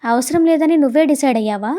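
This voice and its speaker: A woman reading an audio story and voicing an irritable young man who scolds in a gruff way. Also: sits high, fast, dark tone, close to an everyday voice. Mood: annoyed. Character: irritable young man, stern yet softening.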